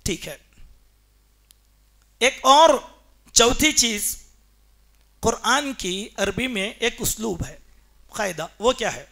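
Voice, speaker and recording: A man's voice: very high voice, expressive, gravelly, long pauses, sharp tone. A man giving a Friday sermon in a mosque, speaking emphatically and quizzing the congregation with rhetorical questions. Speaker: preacher.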